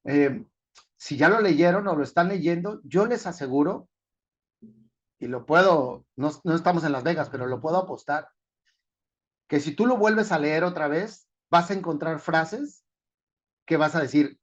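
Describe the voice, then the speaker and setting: A man's voice: on the high side, measured pace, pauses often, lo-fi sound. A man giving a talk at a forum, putting rhetorical questions to the audience and explaining with everyday examples. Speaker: conference speaker.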